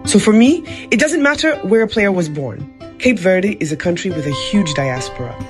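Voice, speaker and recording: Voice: mid-range voice, lively intonation, moderate pace, over music. A football fan speaking passionately. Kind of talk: vox pop.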